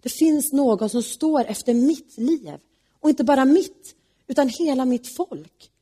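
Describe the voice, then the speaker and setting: A woman voicing an earnest young queen pleading in a retold story, in a husky, fairly high voice. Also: mellow.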